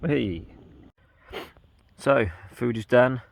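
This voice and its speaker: A man chatting casually through an outdoor camping vlog, relaxed, with plenty of ums. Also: mid-range voice, extremely slow, creaky. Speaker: wild camping vlogger. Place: outdoors on a windy hillside.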